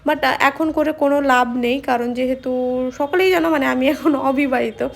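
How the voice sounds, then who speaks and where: High-voiced young woman, fast halting chat. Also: gravelly. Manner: fast speech with frequent pauses and fillers. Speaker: makeup artist and vlogger. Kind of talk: casual talk during a makeup tutorial. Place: home room with an open window. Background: street noise through the window.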